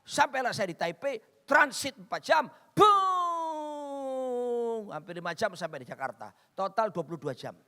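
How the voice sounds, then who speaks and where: A man's voice: sits high, lively intonation, a little fast, few pauses, pushed and bright. A middle-aged man preaching a sermon as a pastor, telling stories with humor and repeatedly addressing the congregation as "saudaraku". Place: church hall. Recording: reverberant church hall.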